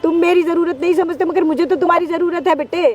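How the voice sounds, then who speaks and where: A woman's voice: very high voice, fairly even intonation, fast, slight background noise. A middle-aged woman playing a lonely mother, weary and reproachful. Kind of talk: scripted social drama skit.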